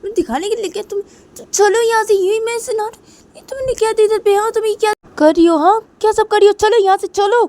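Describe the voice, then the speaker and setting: A woman voicing an angry, bossy young woman who scolds and orders in a shrill, high voice. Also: slow pace, long pauses, dark tone, heavily acted. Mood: angry scolding.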